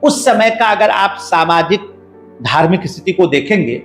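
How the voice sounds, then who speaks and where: High-voiced man lecturing calmly. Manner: measured lecturing, building points in lists. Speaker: guest scholar. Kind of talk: explanatory podcast talk. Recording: roomy echo, faint background music.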